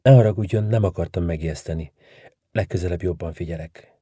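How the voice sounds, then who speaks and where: A gentle, soothing older nurse, as a man reading a story puts her on, soft and quiet in manner. The voice stays deep and dark, with a dry, close sound and no room around it. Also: slightly rough, no echo. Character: older female hospital nurse, calm and kind. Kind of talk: audiobook reading.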